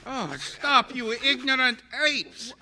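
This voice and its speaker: An actor playing an arrogant, bitter invisible scientist in a radio-style drama, speaking in haughty, theatrical, formal language. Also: male voice, very high-pitched, slow, pushed and bright, full character voice. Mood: furious. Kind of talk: radio-style stage audio drama acting.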